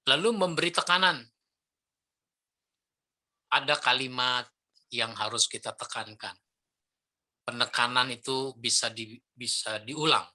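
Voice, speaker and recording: A middle-aged man lecturing on preaching technique, lively and demonstrating intonation with spoken examples. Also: mid-range voice, a little slow, long pauses. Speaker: Islamic preacher trainer.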